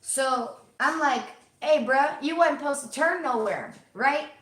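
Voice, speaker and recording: A young adult woman from Florida telling a story in casual chat, animated, cursing freely and acting out the voices of the people in it. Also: high voice, unhurried. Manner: animated, swears freely, acts out quoted voices. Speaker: co-host. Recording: roomy echo.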